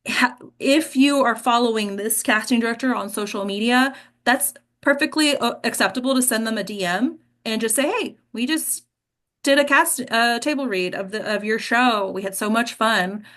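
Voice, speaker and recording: Leading an online discussion, an American host and acting coach offers direct, emphatic coaching in a casual tone, regularly pausing to ask "right?" or say "okay" to the listener. She speaks at a moderate pace in a fairly bright, higher-pitched voice.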